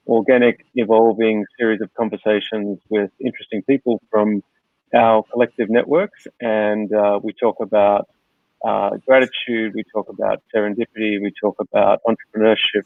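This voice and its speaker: Gravelly-voiced man hosting over a tinny line. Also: fairly low pitch, no echo. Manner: relaxed, rambling with many fillers. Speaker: podcast host. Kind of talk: casual conversational interview. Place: home in Hong Kong. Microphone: video call. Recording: dry, tinny phone-like line.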